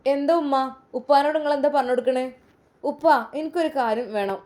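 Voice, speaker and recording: Defiant young woman, high and insistent, Malappuram Malayalam accent, played by a woman. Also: brisk, mellow, lightly acted.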